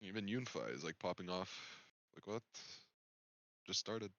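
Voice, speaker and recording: A man hosting a live trading stream, low-pitched but with a sharp, bright edge. He sounds close and dry, with almost no room around him. His talk is laid-back and loose, full of fillers and easy laughter. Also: normal speed, no room sound, dull audio. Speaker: stream host. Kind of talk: casual chat on a live stream.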